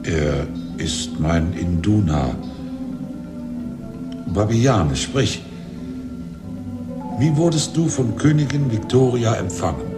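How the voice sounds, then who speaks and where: A man playing a drowsy, commanding older African chief in a radio play, speaking slowly and heavily. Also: lowish voice, lively intonation. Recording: roomy echo, loud music behind.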